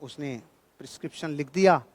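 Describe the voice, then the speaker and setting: A man with a fairly high, darkish voice speaks a little fast as a motivational trainer. He is emphatic and colloquial, repeating key phrases and telling stories jokingly in a seminar speech laced with anecdotes and humour.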